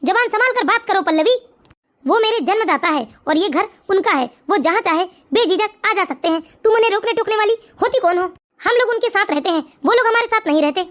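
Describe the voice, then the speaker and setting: A performer with a very high voice playing a dutiful grown son and father in an animated family story, earnest and lecturing. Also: brisk. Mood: stern. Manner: earnest, turns stern and lecturing. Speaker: cartoon character.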